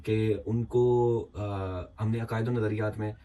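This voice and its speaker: A man's voice: lowish voice, completely flat delivery, unhurried, mellow, slight background noise. A man giving heated reaction commentary, indignant and repetitive, with many fillers. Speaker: YouTube commentator.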